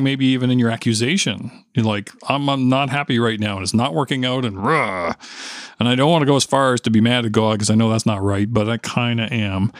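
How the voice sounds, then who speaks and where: An earnest man in mid-range pitch, leading a house of prayer and sharing a personal faith story in easy conversation. His voice is close and dry, with no room sound around it, and he slips into acting out his own thoughts as he goes. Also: no echo. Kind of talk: conversational faith talk with a co-host.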